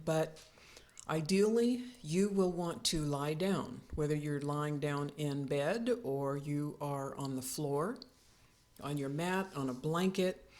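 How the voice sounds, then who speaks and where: A deep-voiced woman serves as instructor for a guided yoga nidra practice. Her directions come slowly and calmly, with a soothing tone and pauses.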